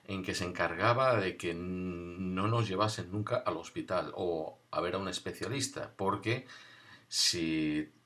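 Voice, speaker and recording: A man recalling his school days in an unhurried, wry storytelling manner with dry humor. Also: low-pitched, a bit bright. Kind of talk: casual spoken recollection.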